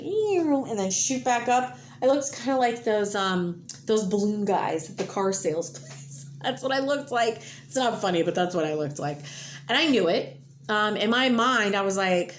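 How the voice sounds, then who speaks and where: A woman's voice: fairly high pitch, slight background noise. A woman telling a blunt, candid personal story about recovering from addiction, at times emotional. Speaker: host.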